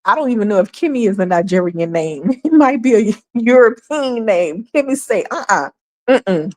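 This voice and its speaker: Animated woman hosting casual commentary. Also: normal speed. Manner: animated, laughs often, acts out quoted people in a higher voice. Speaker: livestream commentary host.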